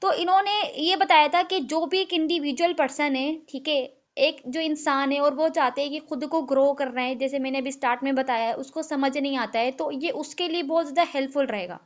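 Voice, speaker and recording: A woman leading an online team training, mixing English into her talk and filling pauses with a steady refrain of okay. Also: high voice, dull audio. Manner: mixes English and Hindi, fills with "ठीक है"; slows down to spell out key terms. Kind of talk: live online training session. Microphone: video call.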